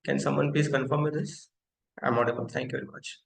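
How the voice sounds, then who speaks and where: A company founder in his thirties hosts a live online technical lecture, speaking interactively, fast, and with many fillers while frequently questioning the audience. His medium-pitched, gravelly voice stays steady, and the room echoes.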